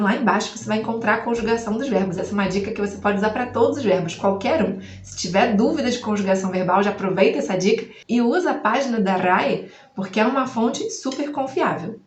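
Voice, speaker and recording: A woman's voice: on the high side, animated. Spanish teacher woman in an echoey room. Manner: asks the viewer questions, then repeats words slowly and clearly. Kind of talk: language lesson to camera.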